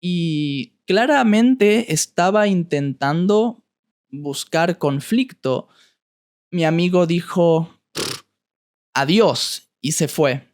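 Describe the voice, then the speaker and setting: A man with an Argentine accent, a Spanish teacher telling a story slowly for learners, repeating words as he searches for them. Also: a little high, animated. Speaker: Spanish teacher and podcast host. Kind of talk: slow storytelling for language learners.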